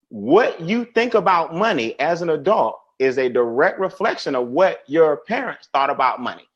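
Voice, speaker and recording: A man hosting a live money webinar, greeting viewers by name and telling stories in a casual, animated way. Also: fairly high pitch. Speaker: webinar host.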